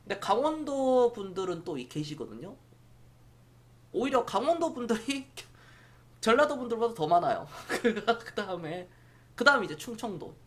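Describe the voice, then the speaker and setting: A middle-aged man from Jeolla province, South Korea, chats casually on a stock-market live stream, rambling and answering viewers' comments aloud. His voice is high-pitched, sing-song and a bit bright, at a moderate pace.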